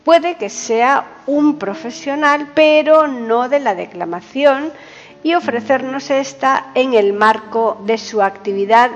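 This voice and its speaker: A woman hosting a poetry programme, reading a scripted introduction in a formal, deliberate and carefully phrased way. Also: a little high. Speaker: podcast host and presenter. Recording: dull sound, long hall reverb, guitar music behind. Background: soft guitar music.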